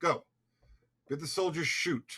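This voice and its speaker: A man playing a solemn, commanding prince in a Shakespeare reading, with a husky voice. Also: on the high side, unhurried, sharp tone, full character voice. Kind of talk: dramatic Shakespeare read-through.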